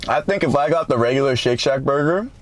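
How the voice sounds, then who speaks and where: A man's voice: mid-range voice, expressive, fast talker, a little hiss or hum. A man hosting a mukbang vlog, chatting casually and bluntly about the food he's eating, with plenty of swearing and jokes. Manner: profane, blunt and joking. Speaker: mukbang vlogger. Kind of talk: casual food-review chat.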